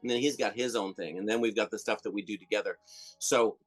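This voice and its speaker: A man's voice: fairly low pitch, fast talker, faint music behind. A man guest in a casual interview, telling stories animatedly, with lots of restarts, fillers and laughter. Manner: rambling, with many restarts and fillers; animated storyteller who laughs often. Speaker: filmmaker and comedian guest.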